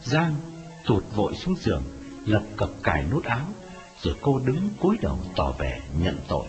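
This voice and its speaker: A man narrating a dramatic story in a scripted, expressive telling. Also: lowish voice, normal speed. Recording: dull lo-fi audio with music. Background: music.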